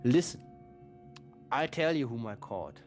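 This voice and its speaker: A man's voice: medium pitch, sing-song, a little slow, soft background music. A man playing a grumpy, boastful prisoner who grumbles and curses theatrically, in a comedy audio play.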